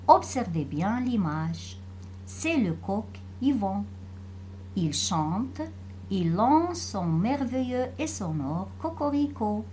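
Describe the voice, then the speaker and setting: A woman teacher giving a phonics lesson to children, pronouncing each word slowly and carefully and repeating it for the class. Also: mid-range voice, darkish tone, slight background noise. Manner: slow, carefully articulated, repeating words for pupils.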